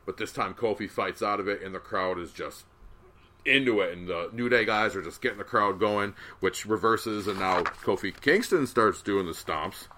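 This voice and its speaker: Male co-host, casual wrestling chat, bright forceful voice, excitable, slightly low pitch. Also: slight background noise. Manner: excitable, swearing, quick bursts of enthusiasm. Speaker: podcast co-host recapping wrestling.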